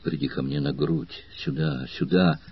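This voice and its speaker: A man's voice: rumbling low, fairly even intonation, a little slow, husky, no echo, muffled recording, voice pushed down, full character voice. A man voicing a strong gladiator whose voice trembles with grief and anger. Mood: trembling. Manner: trembling with emotion, then cursing the gods.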